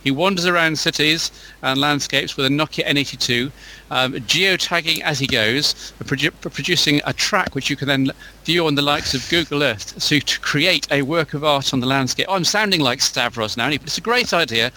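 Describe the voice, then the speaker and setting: Eager male co-host, a very bright voice that stumbles over itself. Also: a little high, low-quality recording. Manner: enthusiastic, halting with restarts. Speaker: podcast co-host. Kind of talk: casual chat.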